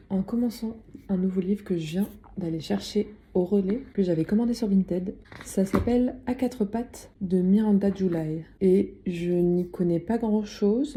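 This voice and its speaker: A woman's voice: medium pitch, mellow, a little hiss or hum. A young woman talking through her day in a casual, chatty vlog voice-over, confiding and full of small hesitations. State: suffering from allergies. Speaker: vlogger and aspiring comic artist.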